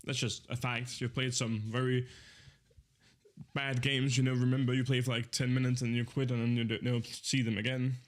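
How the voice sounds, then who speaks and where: A young streamer in his twenties chats casually with viewers, rambling easily with lots of fillers and frequent self-corrections. His mid-range voice moves little in pitch and runs fairly quick.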